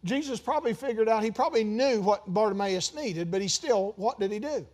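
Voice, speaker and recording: A pastor preaching a sermon in a conversational way, with sudden emphatic bursts and joking asides. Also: male voice, high-pitched, animated, a little fast, a little mellow.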